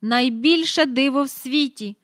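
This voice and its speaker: An excitable middle-aged father, voiced by a woman reading aloud, bursting with exclamations in a storybook. The delivery is pitched high and loud, tumbling with breathless wonder. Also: a little slow, no echo, clean studio sound. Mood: excited.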